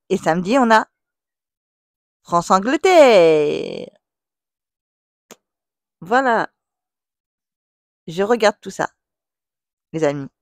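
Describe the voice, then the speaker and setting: A woman's voice: on the low side, no echo, studio quality. A middle-aged woman talking straight to her subscribers in a casual vlog. She is blunt and chatty, and she keeps saying "voilà". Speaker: vlogger. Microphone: plugged-in microphone that makes her sound loud.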